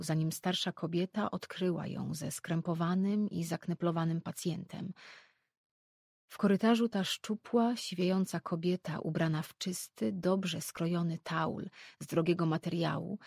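A woman reads a novel aloud in an even, measured storybook narration. Her voice sits slightly low, with a gravelly, husky edge, recorded close and dry. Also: no echo. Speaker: audiobook narrator.

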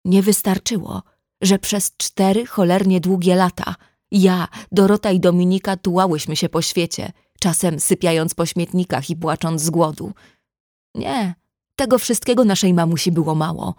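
A woman's voice: on the low side, fairly even intonation, moderate pace, a little mellow, no echo, studio quality, natural voice. Woman reading as Daniela, a bitter red-haired girl. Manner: tearful, cutting accusations.

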